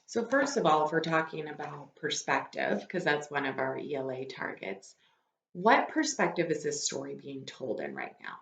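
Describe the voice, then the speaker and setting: A woman with a low, fairly bright voice and some vocal fry reads to her class with great animation at a normal pace. She adds asides that explain the text and ask students questions, and the room echoes around her.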